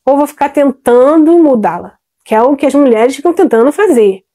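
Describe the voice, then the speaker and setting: A woman's voice: sits high, animated, moderate pace, dark tone. A woman therapist gives emphatic, conversational advice straight to her audience and keeps calling on them directly. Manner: emphatic, conversational, addresses listeners as "gente". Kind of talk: direct-to-camera advice talk.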